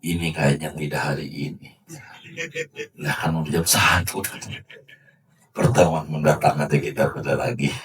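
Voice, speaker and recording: A man preaching, telling jokey stories and acting out characters in loud, high bursts. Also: fairly even intonation, normal speed, long pauses, slightly rough. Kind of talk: mosque sermon with acted anecdotes. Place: mosque prayer hall. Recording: distant mic in a mosque.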